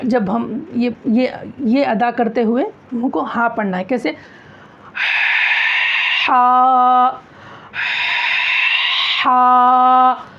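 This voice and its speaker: A woman teaching a recitation class, asking questions, answering them herself and repeating key phrases. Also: on the high side. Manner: demonstrates sounds aloud, loud and drawn out. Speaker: tajweed teacher. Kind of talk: classroom lesson on Quran recitation. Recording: dull lo-fi classroom recording.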